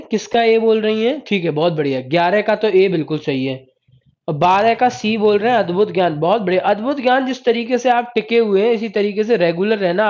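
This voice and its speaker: A man's voice: high voice, darkish tone. A male Hindi teacher running a live online exam-prep class, repeating points, quizzing students and praising them by name. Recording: dull lo-fi stream audio.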